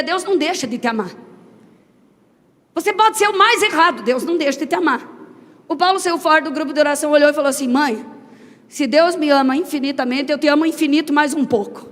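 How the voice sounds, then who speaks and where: A woman giving an emotional personal testimony, telling a family story and acting out the voices she quotes. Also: high voice. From Brazil. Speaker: testimony speaker. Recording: long hall reverb.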